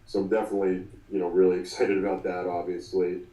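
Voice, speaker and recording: A man's voice: sits low, monotone, mellow, reverberant, distant mic, rough recording. A man in his twenties talking through an interview as the guest, often restarting and filling with ums. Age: 20s. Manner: halting, many restarts and fillers. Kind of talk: casual interview.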